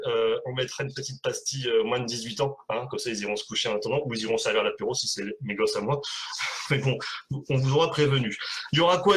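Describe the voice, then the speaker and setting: A man's voice: mid-range voice, fairly bright tone. A man hosting a casual live web show, rambling and joking with frequent hesitations.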